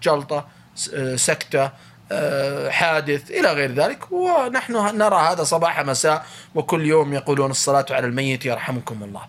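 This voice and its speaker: Male lecturer, rapid explanatory delivery, fairly high voice, reads text then glosses it. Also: lively intonation, a bit bright. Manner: quick, explanatory, rephrasing with many fillers and restarts. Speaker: religious teacher.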